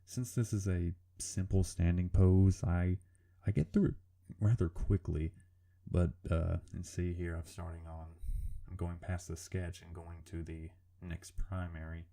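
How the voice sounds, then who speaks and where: A man speaks in a low, gravelly rumble with a very dark tone, like a serial killer. He narrates his drawing informally, hesitating and putting himself down as he goes. His language is casual and sweary. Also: fairly even intonation, a little slow. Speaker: artist narrating a drawing video. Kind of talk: informal drawing commentary voice-over.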